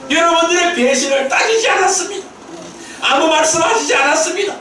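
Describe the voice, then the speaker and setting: Pastor guy preaching, really high voice, lots of rhetorical questions, big booming echo, mic kinda far off. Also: a little fast, slight background noise. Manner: emphatic preaching with rhetorical questions and shouted peaks. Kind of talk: Sunday worship sermon. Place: church sanctuary. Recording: very echoey hall, mic at a distance.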